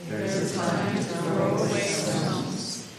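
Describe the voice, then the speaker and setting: A church congregation recites in unison, many voices moving together in a steady, chant-like rhythm. The sound is distant, caught from far off in a large sanctuary. A cathedral echo trails behind every phrase. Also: mid-range voice, slow pace. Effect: heavy cathedral-like church echo. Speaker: congregation reading aloud together. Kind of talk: responsive reading in unison. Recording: distant crowd in an echoey church hall.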